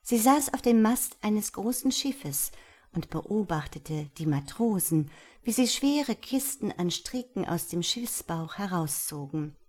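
A woman narrating a fairy tale aloud in slow, deliberate storytelling. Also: mid-range voice, expressive, darkish tone. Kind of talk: audiobook fairy tale reading.

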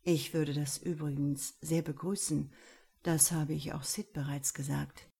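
A woman reading the lines of a charming man who speaks softly and almost in a whisper. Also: low voice, steady tone, unhurried, gravelly, husky, heavily acted. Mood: seductive. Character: charming man, soft and seductive.

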